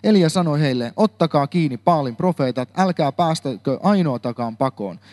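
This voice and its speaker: Man, preacher, reading scripture, occasional stumbles, slightly high voice. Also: lively intonation, darkish tone. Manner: reads scripture aloud with some slips and self-corrections. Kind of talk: Bible reading and sermon.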